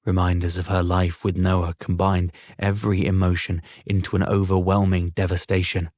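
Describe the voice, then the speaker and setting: A man reading an audiobook aloud as narrator, in a measured storytelling manner. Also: sits low, level tone, darkish tone, dry recording. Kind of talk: scripted narration.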